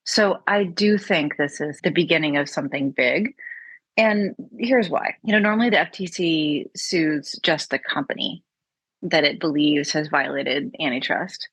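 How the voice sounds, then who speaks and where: Husky-voiced woman on a podcast. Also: low-pitched, a little slow, a bit bright, no echo. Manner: inquisitive, conversational. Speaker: podcast co-host. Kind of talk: podcast discussion.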